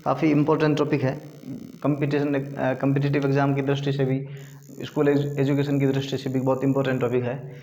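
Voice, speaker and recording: A man teaching a grammar lesson, explaining step by step and repeating key words slowly. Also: medium pitch, completely flat delivery, mellow. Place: classroom. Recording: echoey room, long reverb, dull sound.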